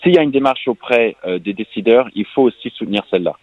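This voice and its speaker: An American man speaking as a radio columnist from his farm, earnest and halting, often restarting his words. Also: medium pitch, animated, narrow, tinny audio. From United States. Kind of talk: radio interview by phone.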